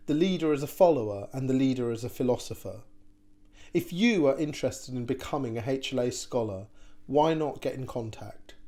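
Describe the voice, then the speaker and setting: A man reading a scripted show introduction in a measured way. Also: medium pitch, warm tone. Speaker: show announcer. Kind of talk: scripted narration.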